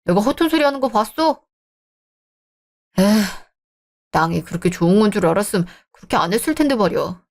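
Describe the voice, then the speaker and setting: A woman's voice: mid-range voice, big pitch swings, brisk, pauses often, a little mellow. A woman voicing a greedy, scheming ex-husband in a scripted radio drama, blustering and dismissive. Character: greedy scheming divorced husband, young adult man.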